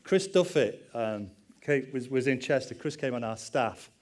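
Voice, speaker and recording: A man's voice: medium pitch, expressive, measured pace, a little mellow. A middle-aged man, a pastor giving a conversational sermon with personal stories and self-deprecating asides.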